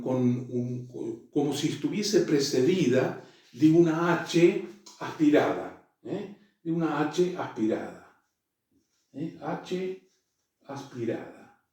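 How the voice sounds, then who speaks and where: A man's voice: a little high, dark tone. A man teaching a Greek class in a hesitant way, full of fillers and restarts. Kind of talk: classroom lecture. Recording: echoey room, voice far from mic.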